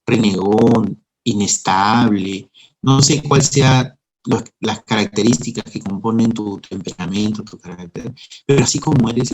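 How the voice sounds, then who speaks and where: Preacher from Peru, male, husky tone, earnest and tender, drops to near whisper for intimate points. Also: medium pitch, darkish tone, low-quality recording. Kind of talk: Bible study teaching.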